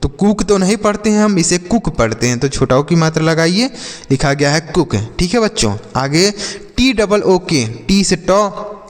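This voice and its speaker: A man with a notably high voice gives a video lesson, spelling words out letter by letter and repeatedly asking his students whether they follow. His speech is slow and deliberate. The recording carries a long, ringing reverb. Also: expressive. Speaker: English teacher. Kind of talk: classroom-style video lesson.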